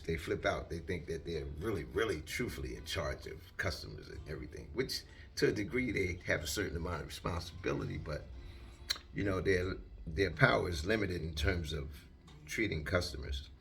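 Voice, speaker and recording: A man's voice: deep voice, a little fast, gravelly. An older retired man telling a long casual story in a rambling way, acting out what people said. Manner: rambling, animated, acts out quotes.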